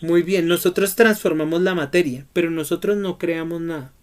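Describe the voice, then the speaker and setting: A man's voice: fairly high pitch, moderate pace. Male Bible teacher quizzing his students. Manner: asks students questions and prompts their answers. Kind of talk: Bible study lesson.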